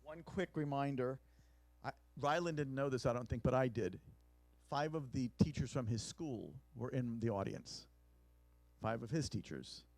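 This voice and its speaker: A middle-aged male clinical psychologist gives a conversational workshop lecture in a conference room, holding a handheld mic and occasionally asking the audience questions. His voice is medium-pitched, expressive and slightly mellow, at a moderate pace, with no echo but low recording quality.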